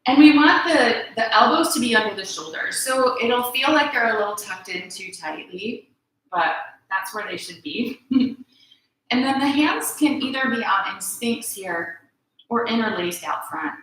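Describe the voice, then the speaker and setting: Bright-voiced woman leading yoga in echo. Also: fairly high pitch, unhurried. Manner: calm, encouraging cues with frequent "right?" check-ins. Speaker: yoga instructor. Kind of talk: guided yoga class instruction. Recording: very echoey room.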